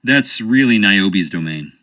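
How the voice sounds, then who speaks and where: Heavily acted and pushed, this man's low, expressive voice comes out bright at a measured pace. It's video game voice work: he portrays a charming young American stage actor who wryly, theatrically evades questions.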